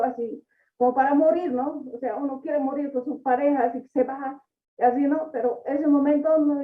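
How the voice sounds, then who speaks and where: Woman telling her church testimony, kinda high voice, halting, heard from far across an echoey room on a tinny line. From Bolivia. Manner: halting, tags nearly every phrase with a questioning tag. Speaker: church member giving testimony. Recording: echoey hall from far off, tinny phone-like sound.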